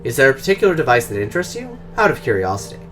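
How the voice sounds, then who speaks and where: A man plays a polished, guarded Russian drone engineer, speaking formally, precisely and in a measured way with a Russian accent. His mid-range voice is sing-song and fairly bright, with faint music in the background.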